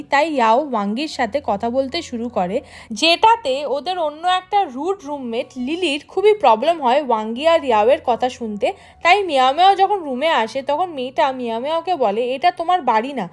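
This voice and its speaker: Woman, high voice, Bengali accent, scripted drama recap narration, steady even delivery.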